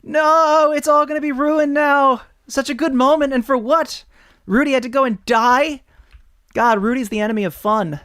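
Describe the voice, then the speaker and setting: Man putting on a brash tough monster girl, loud, raised voice, exasperated. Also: extremely high pitch, normal speed, no room sound, clean studio sound, pitched above the performer's own voice. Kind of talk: reading game dialogue aloud.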